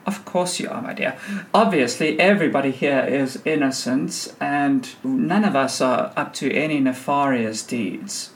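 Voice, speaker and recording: A game master playing a suave male underworld boss who gives orders in a sly, courteous, measured way. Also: medium pitch, natural voice. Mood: teasing, sly.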